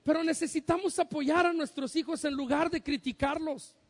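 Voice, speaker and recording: Pastor, very high male voice, jokey preaching that acts out family voices, long church-hall reverb. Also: fairly even intonation, moderate pace. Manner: humorous, acts out parents' and sons' voices. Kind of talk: sermon.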